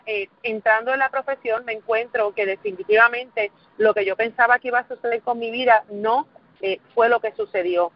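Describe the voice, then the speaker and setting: With a voice that's a little high, this woman from Puerto Rico, in her forties, delivers an earnest motivational talk, asking the audience questions and repeating words for emphasis. The sound is lo-fi, with no echo.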